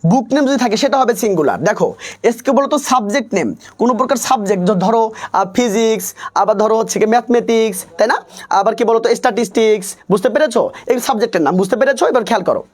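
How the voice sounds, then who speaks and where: A man's voice: high voice, rapid-fire. A young man teaching English grammar in a live online class, reading out chat comments and repeating himself as he coaxes students and keeps checking they understand. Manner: repetitive, coaxing, constantly checks understanding. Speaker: English tutor.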